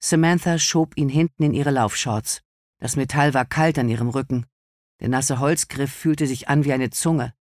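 A man reading a novel aloud as an audiobook narrator, in calm, measured storytelling. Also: mid-range voice, dry recording, studio quality. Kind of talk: scripted narration.

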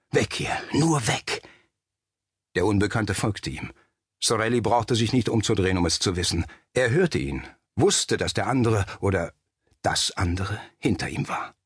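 Husky low-voiced male audiobook narrator. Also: lively intonation, no room sound, studio quality. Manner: measured, suspenseful storytelling.

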